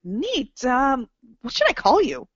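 A woman's voice: high voice, huge pitch swings, slow pace, husky, no room sound, exaggerated voice. Young woman doing a snarky fresh grad, voice jumps all over, dry dull audio. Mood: wry. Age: young adult. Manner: sarcastic, defiant. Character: sarcastic young woman just out of college. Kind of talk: audio drama acting.

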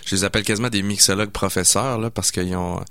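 A man's voice: low voice, fairly even intonation, quick pace, fairly bright tone, clear, resonant tone, no room sound. A man in his forties with a Québécois accent, chatting enthusiastically as a guest in a studio interview, with lots of hesitant fillers. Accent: Québécois French. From Quebec City, Canada. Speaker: guest mixologist. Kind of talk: casual radio interview. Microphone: studio microphone.

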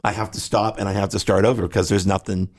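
A man's voice: lowish voice, little pitch movement, quick pace, darkish tone. A man who is a guest musician, explaining his pedal setup at length, rambling and technical, sometimes sounding out rhythms with syllables. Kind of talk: detailed gear explanation.

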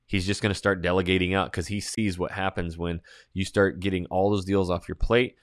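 Deep-voiced emphatic man, dry close mic. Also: fairly quick, dry recording. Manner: energetic, emphatic, salesy, with many fillers. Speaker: real estate agent and video coach. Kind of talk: casual webinar talk answering questions.

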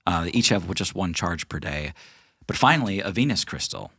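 A man narrating as game master of a tabletop game, relaxed and chatty with plenty of fillers. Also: sits low, moderate pace, breathy edge, no echo, clean studio sound.

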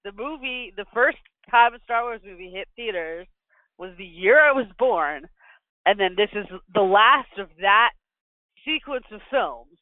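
A woman in her forties co-hosting a podcast in animated casual chat, laughing often, recorded with fuzzy distortion on a non-professional microphone. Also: medium pitch, unhurried, dry recording, narrow, tinny audio. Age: 40s. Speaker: podcast co-host.

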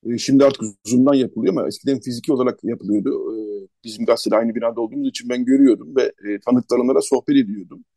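A male host leading an unhurried conversational radio interview, pausing often and listing places one by one. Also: medium pitch, creaky, warm tone, breathy edge, dry recording.

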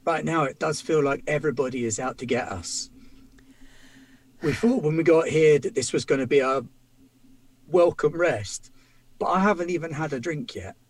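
A man's voice: on the high side, normal speed, long pauses, no echo. Wry, swearing man at a game table. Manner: casual, wry, swears freely. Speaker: player. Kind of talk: in-character tabletop play.

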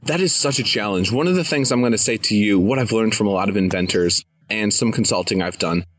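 A man's voice: on the low side, fairly quick. A young adult man hosting a podcast interview, enthusiastic and eager to give advice. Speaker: podcast host. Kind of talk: casual interview. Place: living in Thailand, jungle sounds around.

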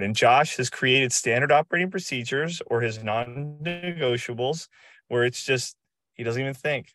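A man's voice: mid-range voice, a bit bright, no room sound. A man hosting a podcast over a video call, talking in a hyped, emphatic and slangy way. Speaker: podcast host. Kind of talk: energetic casual chat.

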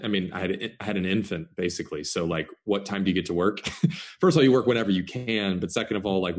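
Middle-aged male guest, very low pitch, easygoing and rambling delivery. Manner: relaxed, rambling, stretches some words slowly. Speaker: podcast guest, startup founder. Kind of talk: casual interview conversation.

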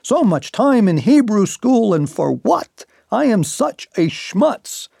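A man voicing a despairing man who bemoans his wasted years, in a high, wailing lament. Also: huge pitch swings, takes it slowly, mellow, no echo, clean studio sound, heavily acted.

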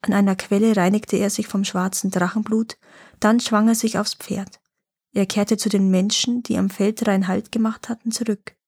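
A woman narrating a fairy-tale legend in a calm, even reading voice. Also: medium pitch, normal speed, slightly rough, dry recording, studio quality.

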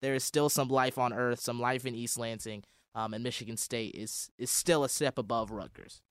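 A man's voice: mid-range voice, steady tone, moderate pace, fairly bright tone, smooth, dry recording, studio quality. A young American man co-hosting sports radio, giving casual commentary and thinking aloud in an easygoing way. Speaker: sports radio co-host and analyst. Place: radio studio.

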